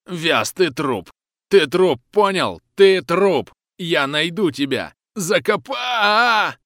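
Guy voicing a huge furious thug, hoarse snarling yells, much higher and louder than the narration, dry sound. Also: expressive, takes it slowly, no room sound, heavily acted. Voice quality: growling, hoarse yelling. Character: enraged hulking male criminal, snarling threats.

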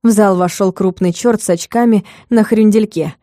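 A woman narrating a comic fantasy audiobook in a measured, expressive way. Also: mid-range voice, dry recording, clean studio sound.

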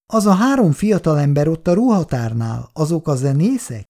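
An actress playing a frightened young woman in a 1960s radio drama, with a high voice that turns shrill. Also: expressive, dark tone. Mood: curious, mocking.

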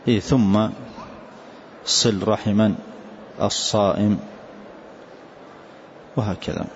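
Taking his time, a sheikh with a fairly low, steady voice patiently repeats a student's recitation before explaining the text in class. The audio is a dull lo-fi lesson recording with faint hiss.

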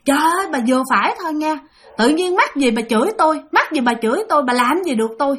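A woman's voice: high-pitched, animated, moderate pace, fairly bright tone. A woman with a Southern Vietnamese accent voicing a bold, hot-tempered young man, talking bluntly and defiantly.

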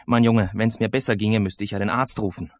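A man voicing a frail old male teacher sick with the flu, speaking slowly and fussily. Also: on the low side, steady tone, no room sound, clean studio sound, close to an everyday voice. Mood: kindly.

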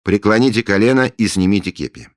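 A man's voice: lowish voice, lively intonation, brisk, no echo, studio quality, pitched above the performer's own voice, close to an everyday voice. A man voicing a grandiose middle-aged leader of a secret order, who speaks in solemn, imperious pronouncements. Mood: pompous. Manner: solemn, imperious pronouncements, later loud and hearty. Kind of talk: audiobook character voice.

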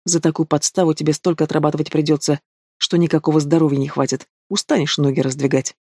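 A cold, menacing young man full of cynical mockery, as a male narrator puts him on. He talks in a slightly high, clipped voice, close and dry with no room around it. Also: level tone, quick pace, a little mellow, no room sound. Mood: mocking, threatening. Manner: cold, mocking, threatening.

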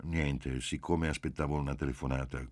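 Man reading a calm reserved young man, terse, very deep voice, dry studio sound. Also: normal speed, dry recording. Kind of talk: audiobook reading.

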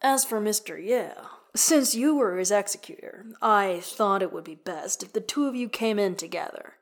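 A woman's voice: medium pitch, moderate pace, natural voice. A woman reading an audiobook, voicing a falsely jovial, evasive middle-aged male lawyer. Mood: smooth.

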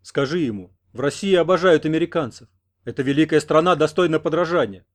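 A man's voice: a little high, quick pace, voice pushed up, natural voice. A man reading an audiobook, voicing a fawning, easily flustered local man. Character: nervous fawning local man, eager to please.

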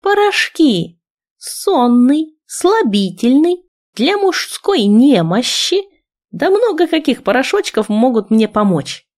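A woman's voice: on the high side, sing-song, measured pace, darkish tone. Woman voicing a frantic, stubborn young heroine. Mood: scheming. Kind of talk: audiobook character reading.

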